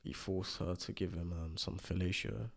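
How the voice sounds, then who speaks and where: A man's voice: deep voice, fairly even intonation, normal speed, creaky. A man, co-hosting a podcast in casual, slangy, joking chat. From United Kingdom. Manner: laid-back, slangy, joking. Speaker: podcast co-host.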